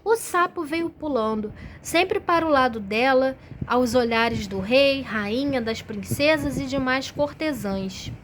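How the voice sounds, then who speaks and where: Woman reading a kids' storybook out loud, high voice, lively telling, slight background hiss. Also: takes it slowly, few pauses. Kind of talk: reading a children's storybook aloud.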